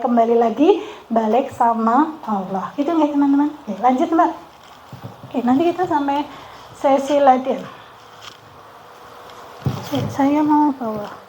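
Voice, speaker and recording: High-voiced woman leading a workshop. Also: a little mellow, rough recording. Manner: chatty, keeps asking the group "betul ya?". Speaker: psychologist leading a training session. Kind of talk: interactive workshop talk. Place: outdoor training venue.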